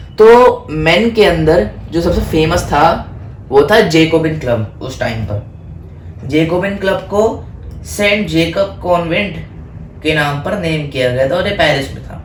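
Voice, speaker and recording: A man giving a casual exam-prep history lesson. He mixes Hindi and English, asks himself questions and then answers them, and stumbles over French names. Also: on the high side. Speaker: history tutor. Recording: echoey room, faint background noise.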